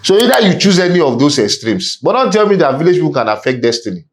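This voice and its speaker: A man's voice: on the high side, very animated, fast. Nigerian man giving emphatic advice. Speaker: podcast guest, real estate business executive. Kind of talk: conversational interview with opinionated advice.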